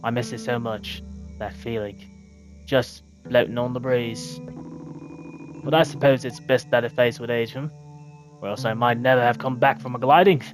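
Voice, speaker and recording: A man voicing a gentle, wistful elder of the clan who speaks softly and gives advice. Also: medium pitch, steady tone, moderate pace, faint music behind, close to an everyday voice, rough recording.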